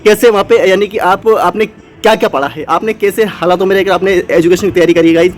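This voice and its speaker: Unscripted and rambling, a motivational channel host addresses exam students with many fillers and restarts. His voice is high and steady in tone, he talks fast, and there's a little hiss or hum.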